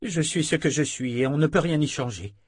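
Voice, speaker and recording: Man voicing a young dark sorceress woman, imperious, vehement, raised voice, husky. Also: on the high side, brisk, dry recording, clean studio sound, voice pushed up. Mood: curt.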